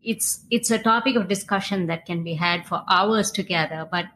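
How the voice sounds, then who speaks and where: A woman's voice: fairly low pitch, moderate pace, a bit bright, poor audio. Conversational woman host, faint background hum. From India. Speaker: podcast host. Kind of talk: interview conversation.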